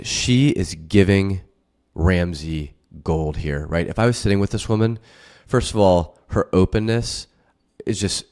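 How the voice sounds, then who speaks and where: Very low-voiced casual man. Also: a little mellow. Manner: casual, filler-heavy. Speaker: financial advisor host. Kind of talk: reaction video commentary.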